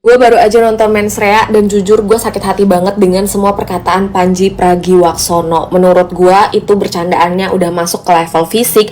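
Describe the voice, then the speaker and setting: A woman delivers a casual vlog monologue in slangy, mock-indignant tones. Her pitch is middling. Faint noise hums behind her. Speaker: vlogger.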